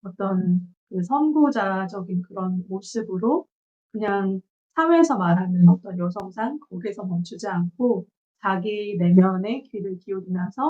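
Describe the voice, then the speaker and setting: Warm husky woman in her forties. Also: medium pitch. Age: 40s. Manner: measured, reflective, pauses on filler sounds. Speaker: book reviewer. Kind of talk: book review monologue from notes. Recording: dull lo-fi recording.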